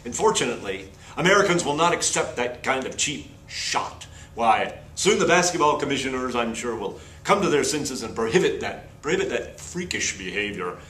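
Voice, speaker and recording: Man acting as pompous 1960s parody news anchor, earnest, stuffy, halting delivery, mid-pitched, roomy sound, faint noise. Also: big pitch swings, fairly bright tone. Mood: disapproving. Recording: echoey room with faint noise.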